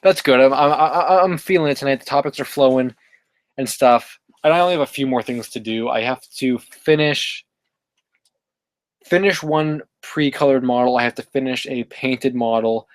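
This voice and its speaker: Male streamer host, mid-pitched, loose and rambling with lots of fillers, dry close sound. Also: moderate pace, dry recording. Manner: rambling, many fillers and self-corrections. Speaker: livestream host reading chat. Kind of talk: casual live-stream chat.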